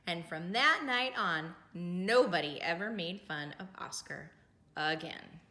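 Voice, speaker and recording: Reading a children's picture book at library storytime, a woman speaks slowly in a fairly low pitch with a bright, forceful tone. Her delivery is dramatic, with friendly asides to young listeners, and the echoing indoor recording carries slight background noise.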